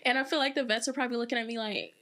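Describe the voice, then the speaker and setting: A young woman in her twenties who used to dance professionally chats as an interview guest, talking very fast in a fairly high voice. She's animated and chatty, acting out the things other people said.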